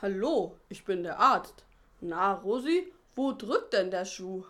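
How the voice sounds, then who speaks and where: A woman's voice: medium pitch, sing-song, slow, a bit bright. A woman voicing a friendly male doctor in a children's audio drama, fond of idioms.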